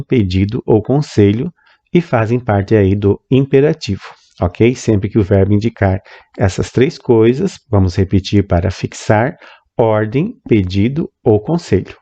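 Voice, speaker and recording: Slow, low-voiced man teaching grammar. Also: mellow. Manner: slow, repeats points to drive them home. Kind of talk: grammar lesson. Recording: dull lo-fi recording.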